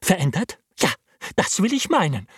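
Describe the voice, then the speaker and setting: A man reading the part of an anxious, loyal older male butler, speaking in an urgent, hushed and insistent way. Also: on the high side, sing-song, moderate pace, breathy edge, dry recording, studio quality, voice pushed up.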